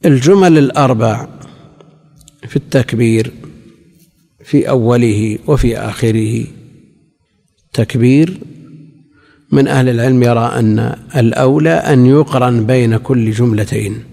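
A man's voice: mid-range voice, normal speed, creaky, long pauses, mellow. A man teaching as a religious scholar, explaining points of law and grammar and reciting example phrases over and over. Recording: long reverb of a large hall.

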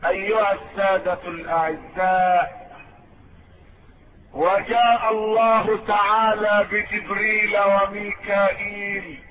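A man delivering an impassioned sermon, building to shouted, tearful peaks and stretching out key words. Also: high-pitched, little pitch movement, takes it slowly. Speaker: preacher. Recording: dull lo-fi recording with clear noise.

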